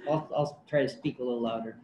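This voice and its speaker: In roomy meeting-room audio with a faint hum, a county conservation director presents a project at a public board meeting. His mellow, mid-range voice is hesitant, full of fillers and restarts.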